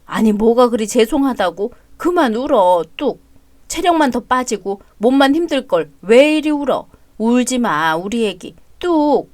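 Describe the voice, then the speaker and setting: A fiery older mother-in-law fusses and scolds at full tilt, played by a woman. The voice is high and carries a lot of force. It is recorded close and dry. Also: animated, normal speed, dry recording, natural voice. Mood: soothing. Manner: scolding, fussing, loud. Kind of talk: audio drama story reading.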